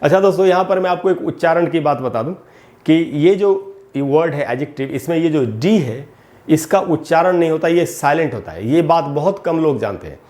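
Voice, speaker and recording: A man's voice: on the high side, lively intonation, normal speed, darkish tone. A man teaching English grammar to viewers in Hindi, explaining patiently and repeating each term, and he addresses the audience as friends again and again.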